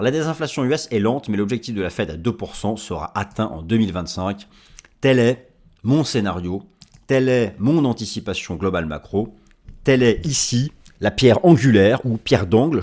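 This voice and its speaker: A man delivers market commentary, talking straight to his viewers as he explains charts. His voice sits fairly low and moves up and down with lively emphasis. The tone has a slight husky grain. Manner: animated, explanatory, addresses viewers directly. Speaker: market analyst.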